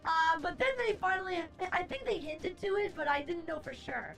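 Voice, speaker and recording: A woman's voice: extremely high pitch, normal speed, creaky, a bit bright. A woman hosting a livestream in playful, theatrical chat with a horror-host flair. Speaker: livestream host, VTuber-style streamer. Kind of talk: theatrical horror-host greeting turning to casual stream chat. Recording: music behind the voice.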